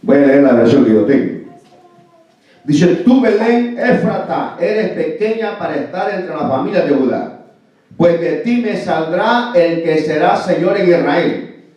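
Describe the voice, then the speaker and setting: A man's voice: on the high side, animated, measured pace, mellow. A man from El Salvador, preaching a sermon as a pastor, emphatic and often asking "amén" and "¿verdad?". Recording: very echoey, distant, muffled church recording.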